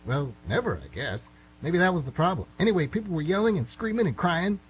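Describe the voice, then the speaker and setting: In an amateur radio drama, a man with a fairly high voice plays a flustered middle-aged guy who rambles nervously, halting, correcting himself and getting excitable and exasperated. The recording is slightly rough, with a little background noise.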